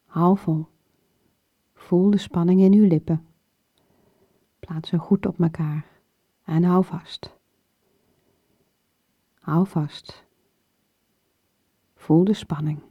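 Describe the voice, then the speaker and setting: A woman guiding a muscle relaxation exercise in short, soothing phrases, her soft breathy voice often falling toward a whisper. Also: fairly low pitch, fairly even intonation. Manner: slow, soothing, with pauses between short phrases. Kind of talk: guided muscle relaxation instruction. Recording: dull lo-fi recording with room echo.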